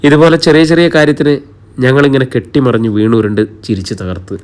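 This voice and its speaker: A man reading the part of a gentle elder sister in an audio story. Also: mid-range voice, steady tone, brisk, close to an everyday voice. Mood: tearful. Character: gentle, emotional young woman, elder sister.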